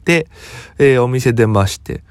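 A young comedian from Okinawa, just woken up, telling a rambling story in a relaxed solo talk. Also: male voice, medium pitch, a little slow, no echo. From Okinawa, Japan. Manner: relaxed rambling storytelling, quoting others as he goes. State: just woken up, voice lower than usual.

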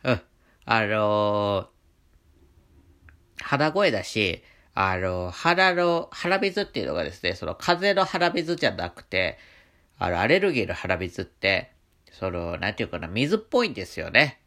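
Male solo radio host, lowish register, stuffed-up nasal tone, animated melody, chatty and halting delivery. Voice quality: congested, nasal voice from allergies. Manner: chatty, halting, with frequent trailing sentence particles. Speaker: radio talk host, painter. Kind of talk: casual solo radio monologue.

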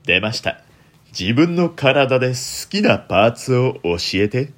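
A young man hosting a solo late-night radio talk in a deliberately low, deep announcer-like voice, polite and formal with theatrical flourishes. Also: big pitch swings, a bit bright. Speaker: host of a solo internet radio show.

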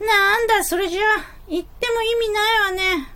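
Brazen, flighty office lady played by a woman: extremely high voice, blunt teasing, theatrical stage-comedy delivery. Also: normal speed, pushed and bright. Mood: brazen, greedy. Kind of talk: comic stage play acting.

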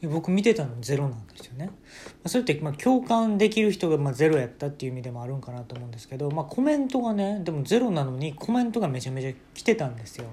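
A man hosting a casual solo podcast, telling a family story with playful jokes and quick self-corrections. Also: on the high side, sing-song, mellow, slight background noise. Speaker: podcast host.

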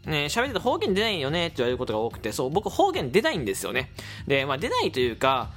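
Male solo podcast host from Fukuoka, Japan, with a casual, chatty delivery, quick and full of fillers, with faint music underneath. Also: a little high. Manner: chatty, animated, frequent fillers.

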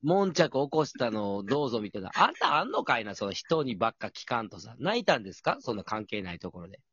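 A Kansai-accented man co-hosting a relaxed chat show. He teases with playful comebacks, and his voice swings widely up and down. The sound is dry and a little muffled. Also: medium pitch, fast talker, husky, no echo. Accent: Kansai Japanese. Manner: teasing, joking retorts. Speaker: podcast co-host. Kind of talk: casual chat.

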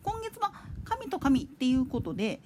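A woman hosts her own talk radio show alone, her voice high and her pitch swinging up and down. She rambles from point to point in a loose, conversational way, with a faint hiss under the recording. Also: very animated, normal speed. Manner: chatty, digressive, with soft laughs. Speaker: podcast host. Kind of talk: casual solo chat radio.

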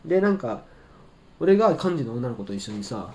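A man's voice: medium pitch, moderate pace. A young man telling stories in casual chat, acting out quotes from people as he goes. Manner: animated storytelling with acted-out quotes.

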